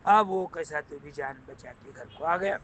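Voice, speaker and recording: A man telling a moral folk tale in a lively, conversational way, often repeating phrases. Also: a little high, a little slow, a little hiss or hum, low-quality recording. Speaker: storyteller.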